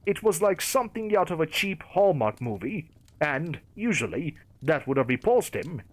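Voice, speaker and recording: A man's voice: fairly high pitch, big pitch swings, normal speed. A man narrating a creepypasta story in a wry storytelling manner.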